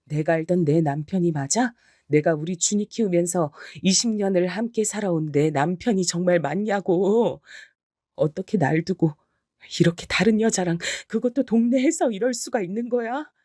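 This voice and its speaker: Woman storyteller, emotional true-story narration, warm mellow voice, no room echo. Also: fairly low pitch, normal speed, studio quality. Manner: emotional, pleading in dialogue, steady in narration.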